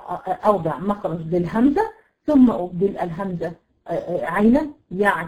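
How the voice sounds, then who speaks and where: An Egyptian woman teaching a tajweed lesson online to women students, explaining patiently and demonstrating letter sounds slowly. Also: fairly low pitch, a little mellow, low-quality recording. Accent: Egyptian Arabic. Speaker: Quran recitation teacher.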